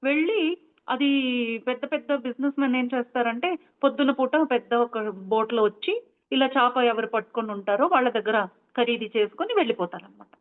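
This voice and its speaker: A woman meditation teacher retells a story, stopping often to explain things to her listeners. Her voice sits a little high. The sound is thin and phone-like. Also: a little fast. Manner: explanatory, chatty, many asides. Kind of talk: storytelling talk. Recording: tinny phone-like line.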